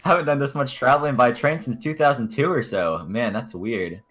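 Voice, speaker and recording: A man's voice: medium pitch, normal speed, fairly bright tone, natural voice. A man voicing a friendly, chatty cartoon game cat, reading the dialogue aloud with amateurish bad acting.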